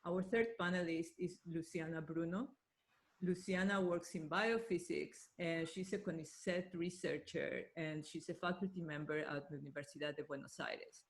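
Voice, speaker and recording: This woman's voice sits on the low side, steady in tone and moderate in pace. She runs an online meeting as panel moderator, arranging things on the fly and alternating between two languages, picked up by a computer mic on a video call.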